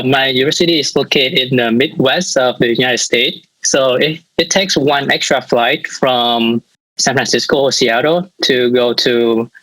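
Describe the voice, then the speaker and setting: A young man from Vietnam, a university student, answering panel questions on a video call in a relaxed, rambling way. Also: medium pitch, dry recording, low-quality recording. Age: young adult.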